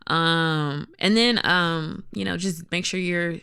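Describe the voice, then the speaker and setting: A woman's voice: lowish voice, slow pace, pushed and bright, clean tone. A woman co-hosting a podcast, giving advice in casual, chatty talk. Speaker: podcast co-host. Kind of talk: casual chat.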